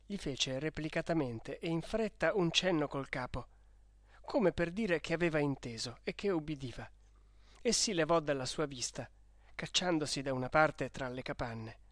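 A man narrating a classic novel in a measured, expressive audiobook reading. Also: on the high side, no room sound, studio quality.

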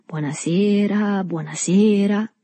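A woman voicing a red-faced, jovial man who gets loud and agitated, read as an audiobook. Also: mid-range voice, takes it slowly, no room sound, voice pushed up. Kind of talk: audiobook reading.

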